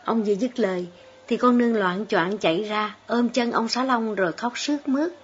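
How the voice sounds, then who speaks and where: A woman narrating a storybook in a steady, measured way. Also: a little high. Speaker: audiobook reader. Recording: dull lo-fi audio with faint background music.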